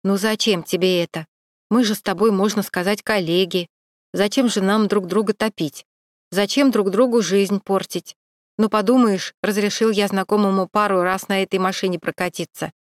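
A woman's voice: medium pitch, fairly even intonation, moderate pace, no echo, clean studio sound, natural voice. A woman voicing a nervous male security guard who mumbles, pleads and dodges.

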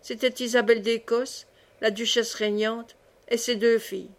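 Woman, audiobook reader, classic novel narration, fairly high pitch, measured delivery. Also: steady tone.

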